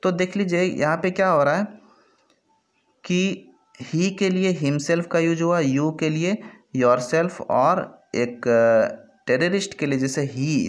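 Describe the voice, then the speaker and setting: A man with a Hindi accent teaching an English grammar lesson over slides, explaining step by step and often checking in with his students. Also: on the high side. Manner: explanatory, repeats "ठीक है" often.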